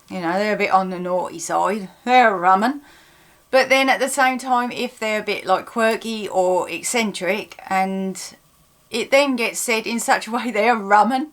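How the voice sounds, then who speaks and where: A woman's voice: mid-range voice, a bit bright. A woman with a Suffolk, East Anglian accent hosting an informal, chatty explainer for viewers, using everyday example phrases. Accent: Suffolk, East Anglian English. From Suffolk, England. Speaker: host of a dialect video series.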